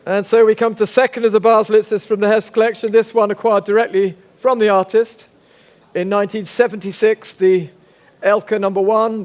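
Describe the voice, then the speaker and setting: High-pitched male auctioneer calling bids. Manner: polite, formal, coaxing bidders. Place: large auction sale room.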